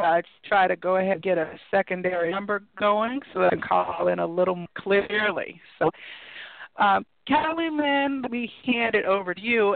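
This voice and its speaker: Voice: mid-range voice, no echo. A talk show host whose audio keeps cutting in and out over a weak connection, welcoming the audience and a guest. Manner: warm welcoming, promotional. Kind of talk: online talk show hosting. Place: traveling, on Wi-Fi. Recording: choppy thin phone-like online call.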